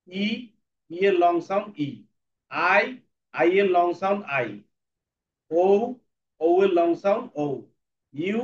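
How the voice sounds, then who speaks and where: High-voiced man teaching phonics. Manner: repeats sounds slowly and checks understanding. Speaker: English teacher. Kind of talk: phonics lesson. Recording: dull lo-fi sound, faint background noise.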